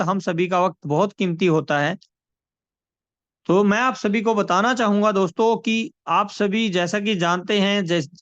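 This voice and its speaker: A man giving a persuasive sales pitch on a video call, repeating numbers and calling listeners friends. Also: fairly bright tone, no room sound. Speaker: presenter of a money scheme. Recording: dry, dull lo-fi call audio.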